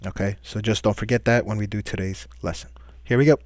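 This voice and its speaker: A man with a somewhat low voice teaching math in a recorded lesson. He talks patiently step by step, posing questions to the class and answering them himself. The sound is dry and close, with no room around it. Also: fairly even intonation, fast, darkish tone, no echo.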